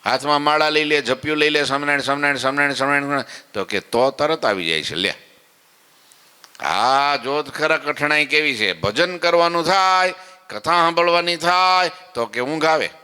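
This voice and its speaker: A man preaches in a folksy, conversational way, now and then slipping into the voices of his listeners. His tone is bright and forceful. A long hall reverb trails each phrase. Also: on the high side, expressive, a little slow, clear, resonant tone. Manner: folksy and conversational, acting out devotees' complaints and asking "samajya?". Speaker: swami giving morning katha. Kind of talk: devotional sermon. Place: temple hall.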